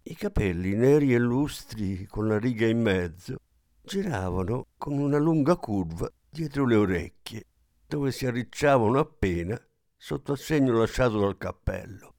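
A man narrating a literary story in a measured, even manner. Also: medium pitch, dry recording, clean studio sound.

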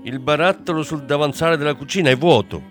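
A man voicing an exasperated but loving mother in a storybook, loud and scolding. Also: medium pitch, lively intonation, a little slow, faint music behind.

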